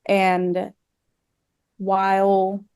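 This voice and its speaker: A woman's voice: mid-range voice, monotone, drawn-out words, darkish tone, smooth, dry recording, clean studio sound. A young adult woman from Venezuela, a historian talking casually in an interview, with many fillers and restarts. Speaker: guest historian.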